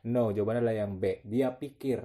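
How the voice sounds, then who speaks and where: A man teaching a TOEFL listening lesson in a relaxed, slangy way, with fillers and quick self-corrections. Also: lowish voice. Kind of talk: casual explanatory lesson.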